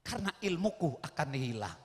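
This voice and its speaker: A man's voice: a little high, big pitch swings, fairly quick, a little mellow, big-room sound, pitched below the performer's own voice. A man voicing a weeping young male scholar who begs robbers to return his books, with a wailing, pleading manner.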